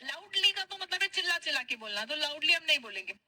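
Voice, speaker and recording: A woman teaching spoken English, patiently drilling short phrases and repeating them slowly. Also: high voice, big pitch swings, sharp tone, no echo, rough recording. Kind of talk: spoken English class for Hindi speakers.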